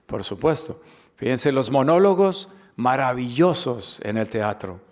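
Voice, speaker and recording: A man's voice: mid-range voice, animated, unhurried, a little mellow. A man from the Dominican Republic giving a corporate training webinar, emphatic and fond of rhetorical questions and repeated key words. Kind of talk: webinar lecture.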